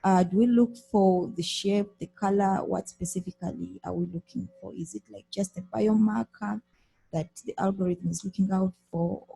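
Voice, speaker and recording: Woman, audience questioner, low mellow voice, gravelly and husky, probing. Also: fairly even intonation, moderate pace, low-quality recording. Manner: curious, probing. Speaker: audience member asking a question. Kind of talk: Q&A question at a conference.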